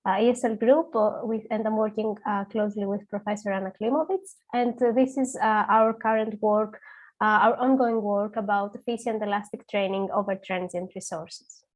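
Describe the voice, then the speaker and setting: A woman's voice: medium pitch, fairly even intonation, moderate pace, rough recording. A young woman, a PhD student, giving a technical conference talk remotely over a video call, with frequent hesitant "uh" fillers. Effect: speaking remotely over a video call. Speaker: PhD student presenting research.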